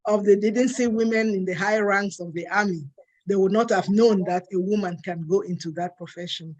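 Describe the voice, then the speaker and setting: A woman's voice: medium pitch, fairly even intonation, moderate pace, darkish tone. A woman from Cameroon, speaking earnestly and emphatically as a co-host in a panel discussion.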